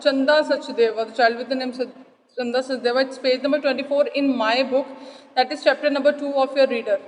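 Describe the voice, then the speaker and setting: A woman's voice: high voice, long reverb tail, low-quality recording. A woman teacher with an Indian accent teaching an online class, switching between Hindi and English and checking in with her pupils.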